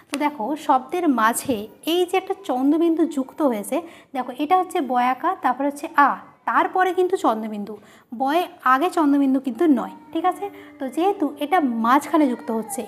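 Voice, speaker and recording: A woman teacher giving a grammar lesson, who asks questions and answers them herself, repeating each key term. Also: high voice.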